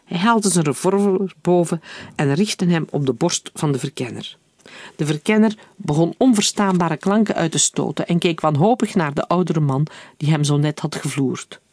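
Male audiobook narrator, slightly high voice, calm, even delivery, dry close recording. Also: moderate pace, dry recording.

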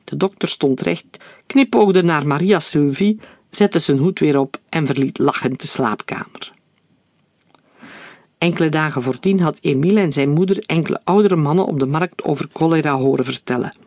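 A man reading a story aloud in a steady, clear narrating voice. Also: a little high, normal speed, no room sound.

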